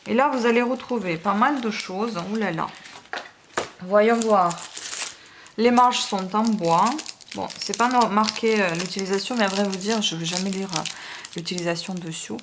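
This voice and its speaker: A woman's voice: medium pitch, moderate pace. Chatty woman unboxing with rustling behind. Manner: chatty, hesitant, many fillers. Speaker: beauty vlogger. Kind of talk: casual unboxing chat. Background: wind noise and plastic crinkling.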